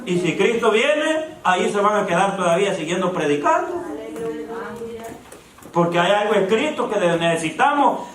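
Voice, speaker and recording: A male preacher with a very high, bright voice delivers an evangelical sermon in a church sanctuary, speaking straight to the congregation. He keeps calling them brothers and poses rhetorical questions, while the far-off mic picks up a roomy, echoey church sound.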